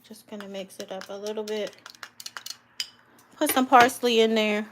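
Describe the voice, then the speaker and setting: A woman's voice: medium pitch, steady tone, normal speed, background noise. A woman home cook on a live cooking stream, chatting casually with viewers and calling them honey and guys.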